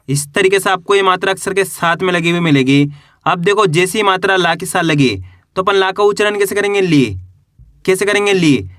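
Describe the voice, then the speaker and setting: A man's voice: high voice, a bit bright, dry recording, studio quality. A man teaching a beginners' Hindi reading lesson, patient and repetitive, asking questions and answering them himself. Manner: patient and repetitive, asks questions then answers them, stretches example syllables.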